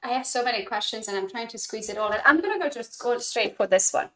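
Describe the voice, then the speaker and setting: Blunt, quick-talking woman. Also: on the high side, animated, echoey room, low-quality recording. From Romania. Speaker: interview host. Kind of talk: casual interview.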